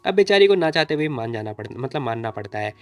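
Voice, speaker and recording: A man's voice: mid-range voice, big pitch swings, fast talker, smooth. A man retelling a comic story in a chatty, informal way, often addressing the listener as brother. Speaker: comic recap narrator. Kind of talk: casual story recap narration. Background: faint music.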